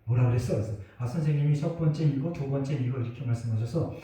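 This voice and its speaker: A middle-aged male pastor preaching a sermon and telling a personal story, with emphatic swings between loud outbursts and hushed asides. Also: medium pitch, racing. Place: church sanctuary. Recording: echoey church hall from far off.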